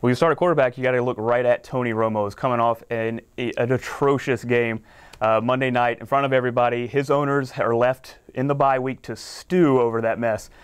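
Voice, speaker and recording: A man's voice: mid-range voice, steady tone, a little fast, clear, resonant tone. A man, a fantasy sports analyst, explaining picks confidently in a studio sports talk show.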